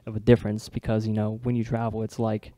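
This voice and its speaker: A young man hosting a podcast, chatting fast and loosely with lots of casual filler. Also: fairly low pitch, completely flat delivery, warm tone, dry recording. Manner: fast, chatty, loose with many likes and dudes. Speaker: podcast host.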